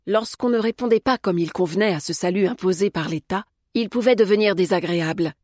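A woman with a medium-pitched voice reads scripted audiobook narration in a calm, measured way. The recording is studio quality with no room sound.

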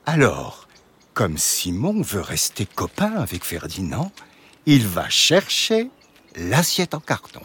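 A woman narrating a children's storybook with slow, expressive delivery. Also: rumbling low, slightly rough.

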